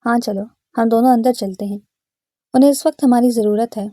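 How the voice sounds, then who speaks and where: A woman voicing a stern, protective young man who is quick to anger, speaking firmly. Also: on the high side, warm tone, dry recording, clean studio sound, lightly acted. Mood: stern, angry. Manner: firm, threatening delivery.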